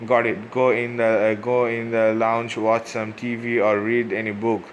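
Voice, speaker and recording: A man voicing a cheerful, confident teenage boy ninja who mentors younger kids, read out haltingly. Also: lowish voice, little pitch movement, dull audio, a little hiss or hum, close to an everyday voice. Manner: halting read-aloud delivery.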